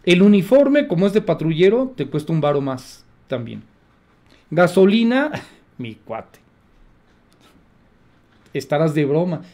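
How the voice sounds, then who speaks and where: Sarcastic high-voiced Mexican man. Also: big pitch swings, a little slow, long pauses, a little mellow. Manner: sarcastic, indignant. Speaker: radio commentator. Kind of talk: opinion commentary broadcast.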